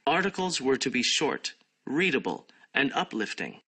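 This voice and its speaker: A man reads an English exam passage in a clear, measured manner. His voice is bright, with lively rises and falls. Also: medium pitch. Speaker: exam audio reader. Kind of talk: scripted exam recording.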